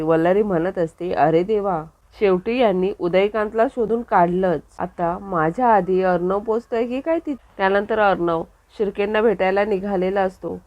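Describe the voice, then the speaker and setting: A woman narrating a scripted plot recap of a television serial in a steady, even reading voice. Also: fairly low pitch.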